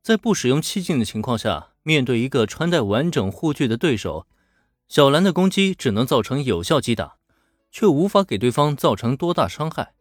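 A man's voice: mid-range voice, moderate pace, no room sound, studio quality. A man narrating a serial story in a chatty, colloquial manner. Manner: chatty, animated, colloquial asides. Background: faint background music.

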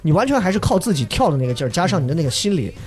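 A man telling a dramatic story in casual chat, acting out shouts and sounds. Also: a little high, very animated, racing. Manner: acts out shouts and quoted voices, imitates sounds. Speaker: storyteller guest.

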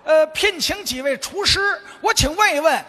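A man's voice: very high voice, expressive, moderate pace. A crosstalk performer hosting a comedy sketch, bantering as an exasperated straight man on a large stage before a live audience. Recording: loud live audience noise.

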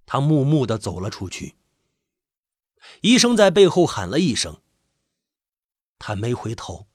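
A man with a husky voice, reading a suspense story in measured, expressive narration. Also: medium pitch, no echo, clean studio sound.

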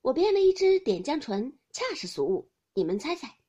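A woman reading a storybook aloud, voicing a spirited teenage girl who answers eagerly and loudly. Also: high-pitched, big pitch swings, moderate pace, voice pushed up.

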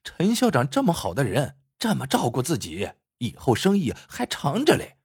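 A man's voice: mid-range voice, huge pitch swings, normal speed, breathy edge, no room sound, clean studio sound, full character voice. A man voicing a humble, flustered middle-aged male popcorn vendor who stammers and hesitates. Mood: anxious.

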